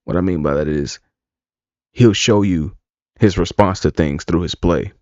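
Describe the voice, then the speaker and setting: A man's voice: low voice, measured pace, a little mellow, no room sound. A man streaming live, talking casually, rambling and bluntly profane. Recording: dull lo-fi dry sound.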